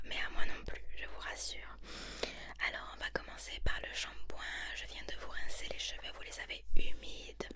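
Whispering southern French woman, fussy hairdresser role-play. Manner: rapid, bossy whispering with repeated tag questions. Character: haughty, fussy, tactless female hairdresser. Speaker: ASMR performer playing a hairdresser.

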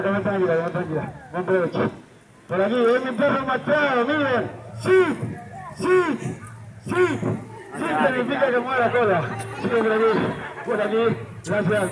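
High-pitched Argentine man, playful kids' party entertainer, outdoors. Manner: projecting to a crowd, countdown calls. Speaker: street circus performer. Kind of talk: street show patter to a live crowd. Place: large outdoor city plaza at night. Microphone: distant audience phone camera. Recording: distant phone recording, noisy city square, crowd. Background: crowd and street traffic noise.

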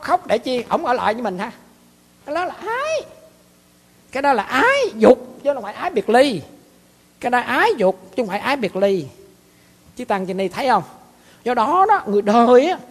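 A man's voice: very high-pitched, sing-song, fairly quick, pauses often. A man with a Southern Vietnamese accent, a monk and abbot giving a dharma talk in a folksy, repetitive storytelling way. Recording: long hall reverb.

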